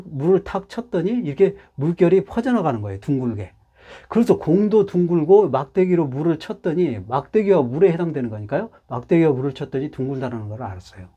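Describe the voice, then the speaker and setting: A Hanja teacher with a somewhat high, husky voice, captured on dull-sounding audio. He gives a lively lecture on Chinese characters, explaining patiently and repeating himself a lot.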